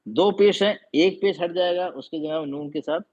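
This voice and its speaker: A male teacher with a slightly high, husky voice takes his class through each step slowly and patiently. He keeps checking that the students have understood by asking them questions again and again. The audio is muffled and lo-fi. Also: a little mellow. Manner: patient, quizzing students repeatedly. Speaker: Quran teacher. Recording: dull lo-fi audio.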